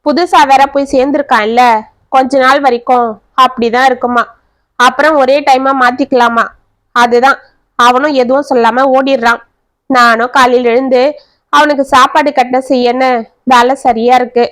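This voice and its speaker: A weary middle-aged aunt, bitter and full of sighing complaints about the family, played by a woman telling the story. Her voice sits high and is recorded dry and close. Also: steady tone, moderate pace, fairly bright tone, no room sound. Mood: chatty.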